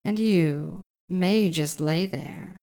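A woman doing intimate, scripted hypnosis narration in slow, flowing, repetitive phrases. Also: lowish voice, vocal fry, warm tone. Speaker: audio hypnotist.

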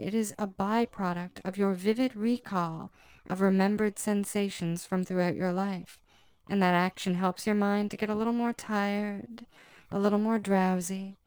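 A woman hypnotist speaking in a slow, measured, hypnotic way through a scripted hypnosis recording. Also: medium pitch, darkish tone, clean tone, no room sound.

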